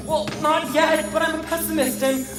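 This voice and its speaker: Young actress as an otter, theatrical and gloomy, high voice, echoey stage hall with music behind. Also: female voice, steady tone, moderate pace, distant mic, lightly acted. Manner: dramatic, complaining, self-pitying. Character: fretful pessimistic otter turned human. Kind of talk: school stage play.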